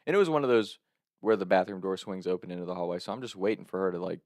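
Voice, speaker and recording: A young man with a fairly low voice tells a true story in a loose, animated way. He laughs often and acts out the quotes. The recording is close and dry. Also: racing, no room sound. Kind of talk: casual storytelling.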